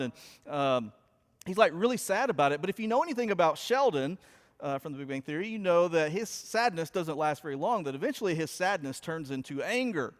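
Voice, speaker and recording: A man preaching a sermon, opening with a chatty, animated story told to his congregation. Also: on the high side. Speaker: pastor. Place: church sanctuary. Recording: long hall reverb.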